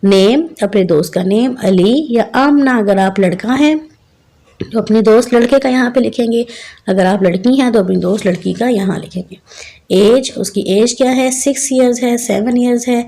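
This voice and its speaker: A woman teacher explaining a children's English textbook, reading each line slowly and then explaining it to young pupils. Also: fairly high pitch, gravelly, dark tone. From Pakistan. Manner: addresses children as beta and bachchon.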